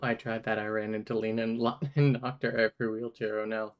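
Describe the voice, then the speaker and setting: A streamer in casual let's-play commentary, playfully reading dialogue choices aloud. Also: male voice, fairly low pitch, flat delivery, fast talker, highs cut off.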